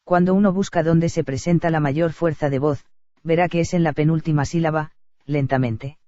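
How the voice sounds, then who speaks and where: A man reading a grammar lesson aloud in a steady, even lecture delivery. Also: on the high side, normal speed, dry recording. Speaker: teacher. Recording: dull lo-fi dry recording.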